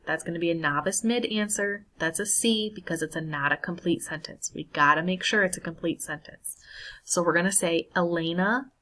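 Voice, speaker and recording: A woman walks through a screen share during a Spanish lesson, patiently checking in with her students with "right?" and "all right" as she goes. Her voice is fairly low-pitched, bright, and forceful, and the recording quality is low.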